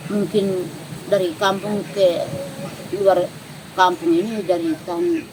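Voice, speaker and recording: Woman, Alor accent, soft-spoken interviewee, noisy outdoor field recording. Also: fairly low pitch, fairly even intonation, slow. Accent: Alor, East Nusa Tenggara. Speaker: interviewed family member. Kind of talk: casual interview answers. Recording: outdoor field recording with clear background noise.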